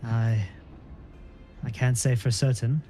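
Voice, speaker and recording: A man reading the lines of an earnest young scholar from a game, in a calm, even manner. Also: medium pitch, slow pace, faint music behind, natural voice. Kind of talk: reading game dialogue aloud.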